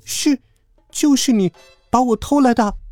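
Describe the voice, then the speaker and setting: Squeaky baby voice, cute and cheeky, dry close mic. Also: male voice, unhurried, a little mellow, no room sound. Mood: babyish. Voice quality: babyish, lisping cute voice. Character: cheeky invisible hero mimicking a baby. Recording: dry close recording with faint music.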